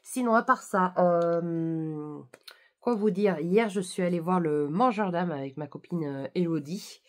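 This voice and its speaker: A woman's voice: lowish voice, unhurried. A young French woman book vlogger chatting casually, with many fillers and restarts. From France. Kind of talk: casual chat.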